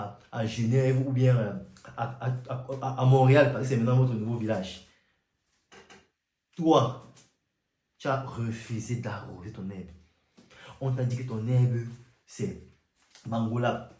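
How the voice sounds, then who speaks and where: A man's voice: mid-range voice, darkish tone. A man from Cameroon, giving an impassioned, scolding monologue to camera, repeating himself and stammering on restarts. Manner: fiery, scolding, repetitive, many stammered restarts. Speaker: commentator. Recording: roomy echo.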